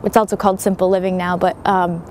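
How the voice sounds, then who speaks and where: A woman's voice: fairly low pitch, flat delivery, quick pace, a little hiss or hum. A young woman in her twenties, a sailor and writer, giving reflective interview answers outdoors at a marina, with many fillers and restarts.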